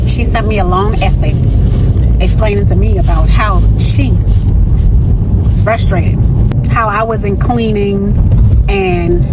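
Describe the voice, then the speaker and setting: A woman's voice: mid-range voice, heavy background noise. A woman in her thirties who grew up in Miami, candidly recounting a story in a casual vlog and often adding "you know.". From raised in Miami, born in the Bahamas. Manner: candid, conversational, with frequent "you know" asides. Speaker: vlogger.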